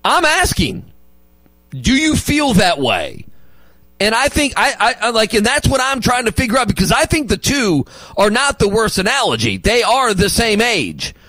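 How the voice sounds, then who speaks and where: A male sports radio host arguing basketball opinions and rattling off stats, with emphatic loud bursts. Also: high-pitched, huge pitch swings, normal speed, no echo, poor audio.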